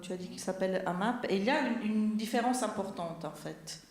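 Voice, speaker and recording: A woman's voice: mid-range voice, fairly quick, a little mellow. A woman from Switzerland moderating a public discussion, putting questions to guests in a conversational way. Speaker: moderator and interpreter. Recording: echoey room.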